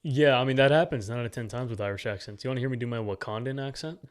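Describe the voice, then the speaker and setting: A young man co-hosting a podcast, chatting casually with teasing, deadpan quips. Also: medium pitch, rapid-fire. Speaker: podcast co-host.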